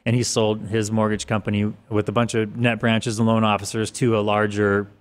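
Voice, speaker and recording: A man's voice: on the low side, level tone, fairly quick, clear, resonant tone. Forties guy rambling on a podcast, office studio, desk mic. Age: 40s. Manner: casual, rambling with restarts. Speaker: guest. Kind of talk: podcast interview. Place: office studio with large windows. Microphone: boom mic on desk.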